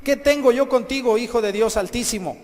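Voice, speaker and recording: A man's voice: very high-pitched, a little fast, darkish tone, pitched above the performer's own voice. A priest voicing an angry, tormented possessed man who cries out in raised, pleading protest. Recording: echoey hall, faint background ambience.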